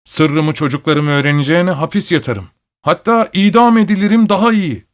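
A man's voice: fairly high pitch, moderate pace, voice pushed up, lightly acted. A man voicing an ashamed, desperate middle-aged man who pleads in anguish.

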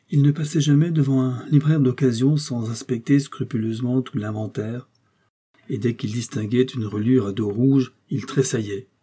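A male audiobook reader tells an old short story with measured, expressive pacing. His tone is dark and mellow, with a husky edge. He sits in an ordinary middle pitch. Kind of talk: reading a classic short story aloud.

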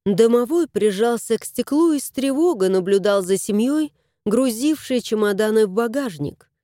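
A woman narrating a children's story in a measured, expressive reading. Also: a little high, dry recording, studio quality.

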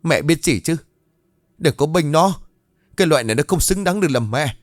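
A man voicing a bad-tempered young father who scolds his wife in a gruff manner. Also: sits low, animated, fairly quick, no room sound, studio quality. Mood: furious.

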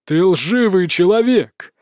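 A man's voice: high voice, normal speed, warm tone, dry recording, clean studio sound. A man voicing a childlike, pleading sphere beast that sulks and insults. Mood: petulant.

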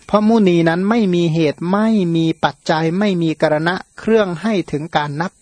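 Monk from thailand giving a dharma talk, khmer native speaker, high voice, dry close sound, lots of fillers. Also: male voice, brisk, darkish tone, dry recording. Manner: explanatory, repeats words to stress them, frequent fillers. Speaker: Buddhist monk. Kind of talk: Dharma sermon.

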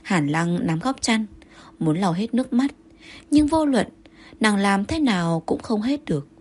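A woman narrating an audiobook romance in a steady storytelling manner, with a breathy voice. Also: medium pitch, unhurried. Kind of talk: scripted narration.

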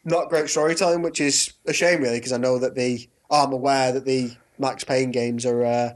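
A man's voice: medium pitch, steady tone, moderate pace. Guy chatting, stammers at the start of lines, laughs a lot. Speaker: podcast co-host. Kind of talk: casual chat.

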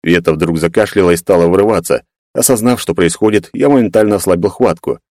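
A man narrating a first-person story in a steady, even manner. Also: sits low, fast talker, dry recording, studio quality. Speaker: audiobook narrator.

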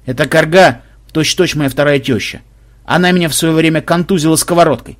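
A man voicing a bossy male team leader who barks orders in a brisk, blustering way. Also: on the high side, natural voice.

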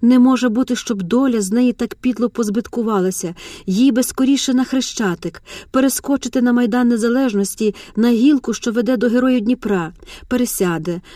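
A woman narrating an audiobook in a measured, dramatic manner. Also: a little high, warm tone, no room sound, clean studio sound.

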